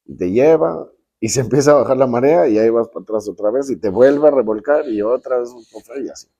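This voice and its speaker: Mellow-voiced Mexican man in his fifties. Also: medium pitch, fast, breathy edge, lo-fi sound. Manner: lively, acts out quoted voices, slangy and profane. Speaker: host telling his life story. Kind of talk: casual anecdotal storytelling.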